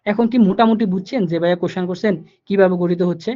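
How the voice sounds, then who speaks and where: A man teaching German numbers in a live online class, explaining each step slowly, repeating himself and asking the students questions. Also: high-pitched, dark tone. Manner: repetitive, patient, asks the students questions. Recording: dull lo-fi online class audio.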